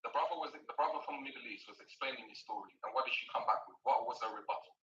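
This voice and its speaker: Man, heated debate, rapid insistent delivery, very bright tone, distant echoey sound. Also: medium pitch, dull audio. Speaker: panel caller.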